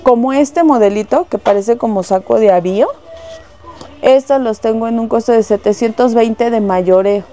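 Inside the shop, a Mexican woman presents merchandise in a relaxed way, naming wholesale prices and using lots of diminutives. She speaks at a moderate pace in a warm, fairly high voice.

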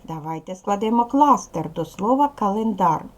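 A woman with a Ukrainian accent, a primary school teacher giving a recorded lesson to young children in slow, clear instructions. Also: medium pitch, expressive.

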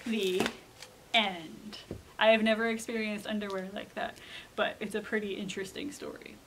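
The young librarian speaks to children indoors in the library's kids' room, giving a theatrical, emphatic storybook reading along with chatty explanations. She has a mid-range, somewhat bright voice with little pitch movement and a moderate pace, on a rough recording with slight background noise.

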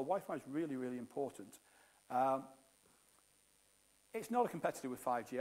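A middle-aged man giving a technical keynote on a conference stage, explaining with jargon and frequent fillers. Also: medium pitch. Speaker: keynote speaker.

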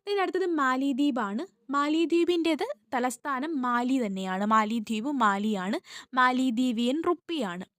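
A woman coaching students for an exam. She talks in a fairly high voice and drills each fact over and over, asking questions and answering them herself. The recording is close and dry. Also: measured pace, fairly bright tone, no room sound. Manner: repetitive, drills facts, asks and answers her own questions. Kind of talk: exam-prep lesson.

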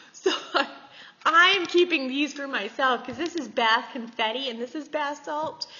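Gushing over gifts in a casual vlog, a woman in her 40s chats and giggles in a fairly high-pitched, pushed, bright voice. She's a beauty vlogger, and the audio is echoey, somewhat dull, and faintly hissy.

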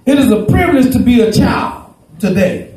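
A middle-aged man, a pastor preaching a sermon with call-and-response, often shouting and laughing into a handheld microphone. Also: very high voice, animated, normal speed, very echoey. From Houston, Texas. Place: small church with curtain backdrop. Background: congregation responding.

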